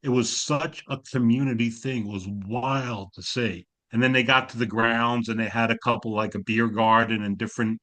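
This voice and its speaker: A man's voice: medium pitch, steady tone, normal speed, hardly any pauses, a bit bright. A man in his sixties with a slight New York accent, telling wry family stories on a video call during a class discussion. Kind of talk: storytelling in a Zoom class discussion.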